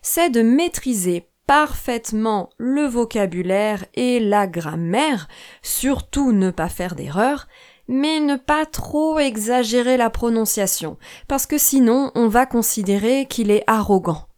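A young French woman hosting a podcast for language learners, speaking in slow, clear, scripted narration. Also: fairly high pitch, animated, darkish tone. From France. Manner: slow, clear, careful delivery. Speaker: podcast host, French teacher.

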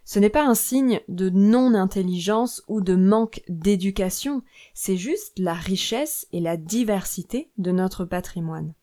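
A woman who teaches French, hosting a scripted podcast lesson and explaining in a clear, measured way. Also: mid-range voice, mellow.

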